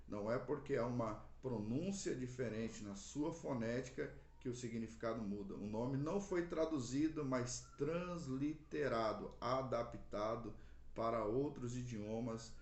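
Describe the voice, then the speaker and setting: A man's voice: mid-range voice, darkish tone. A man with a Brazilian accent giving an earnest Bible lesson, often repeating words as he explains. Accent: Brazilian Portuguese. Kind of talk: explanatory Bible teaching to camera. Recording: roomy echo.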